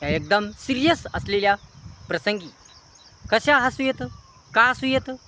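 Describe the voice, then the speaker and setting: A man with a fairly high voice delivers an earnest moral lecture. He piles up near-synonyms in long repetitive chains. Clear outdoor noise from a rural setting runs under his voice. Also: lively intonation, a little slow, pushed and bright. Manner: earnest, preachy. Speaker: motivational speaker. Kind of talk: moral advice monologue.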